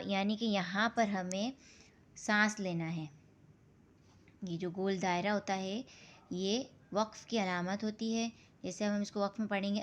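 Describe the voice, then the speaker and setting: Patient lady teacher explaining quran reading rules, pretty flat monotone voice, kinda muffled lo-fi audio. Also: medium pitch. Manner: patient, explains each rule, then reads the letters slowly and drawn out. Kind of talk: step-by-step recitation lesson. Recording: dull lo-fi recording.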